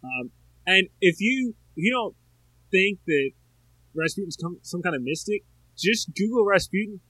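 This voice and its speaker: A man co-hosting a podcast, chatting casually about a movie in an animated, rambling way. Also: high-pitched, normal speed, breathy edge. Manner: animated, rambling, full of filler words. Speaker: podcast co-host. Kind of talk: casual movie review chat.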